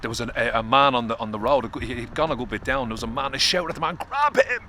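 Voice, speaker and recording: Irish male vlogger, bright forceful tone, open and confessional, casual swearing, faint traffic behind. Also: mid-range voice, rapid-fire. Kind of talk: candid personal vlog. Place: outdoors in the cold.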